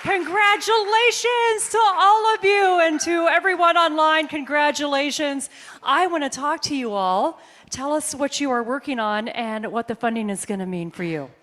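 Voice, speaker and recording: A woman's voice: high-pitched, normal speed, fairly bright tone, some chatter behind. A woman hosting a live awards ceremony, upbeat and full of praise. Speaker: event host.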